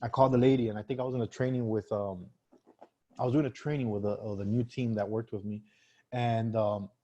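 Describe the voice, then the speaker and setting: A man's voice: lowish voice, fairly even intonation, fairly quick, mellow, highs cut off. A man teaching sales in a casual live-stream talk, conversational with many fillers and restarts. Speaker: sales trainer.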